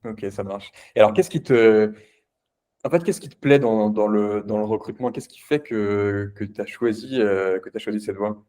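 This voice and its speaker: A man hosting a casual interview, asking questions in a halting way with many restarts. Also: fairly low pitch, dark tone. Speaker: interviewer, host.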